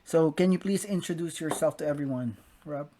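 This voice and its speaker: A man's voice: fairly high pitch, fairly quick, mellow, slight background noise. A man hosting a live-streamed interview show, apologetic and flustered by technical glitches. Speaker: host.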